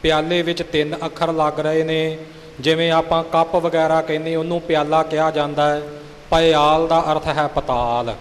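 A man's voice: a little high, little pitch movement, normal speed. A male teacher giving a pronunciation lesson, correcting and sounding out words for the reciter. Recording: hall reverb with faint hiss.

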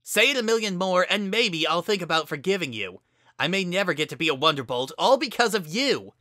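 A narrator voicing an injured young female pegasus pony who is bitter and fiery, raised high and loud. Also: lively intonation, brisk, dry recording, studio quality. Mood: furious.

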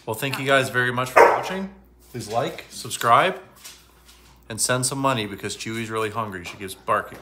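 A man's voice: medium pitch, moderate pace, very noisy. A man hosting a casual card-opening video, upbeat and joking. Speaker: channel host.

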